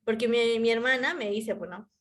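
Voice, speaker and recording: Animated young woman telling a story. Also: on the high side, normal speed. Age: young adult. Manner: animated storytelling, addresses teacher as "Miss" often. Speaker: student. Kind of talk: personal account in class discussion.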